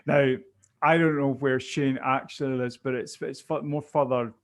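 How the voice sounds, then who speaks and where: A man's voice: medium pitch, fairly even intonation, moderate pace. A man with a Glaswegian Scottish accent giving conversational interview answers as a business coach, often repeating words as he thinks aloud.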